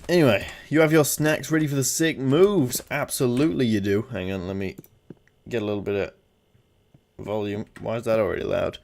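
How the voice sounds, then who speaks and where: A man's voice: mid-range voice, a little mellow. A twenty-year-old man hosting a casual gaming livestream through headset audio, upbeat and jokey as he reads out chat. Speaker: streamer.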